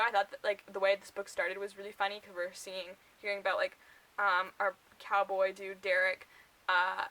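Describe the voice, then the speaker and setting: Young woman, bright voice, casual book review, rambling, many fillers, laughs a lot. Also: mid-range voice, rough recording. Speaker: book vlogger.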